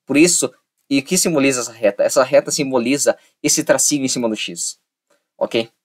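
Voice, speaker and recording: A man's voice: mid-range voice, brisk. A young man giving a casual, repetitive lesson and acting out little dialogues to make a point. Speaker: online tutor.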